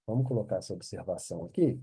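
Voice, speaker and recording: A man teaching French online. He explains patiently, checks in often with quick questions, and repeats the French words slowly. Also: on the low side, warm tone, breathy edge. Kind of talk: online language lesson.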